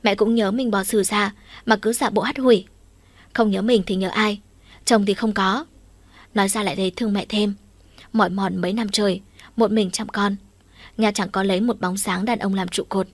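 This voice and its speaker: A woman reading a first-person story as an audiobook narrator, in an even, conversational way. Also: medium pitch, normal speed, no room sound.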